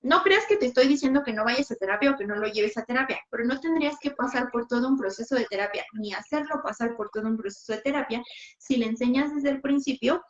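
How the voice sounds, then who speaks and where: Brief: high-pitched woman host, direct parenting advice, dull lo-fi audio. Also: fast. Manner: direct, animated, playfully acts out scenes. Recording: dull lo-fi sound.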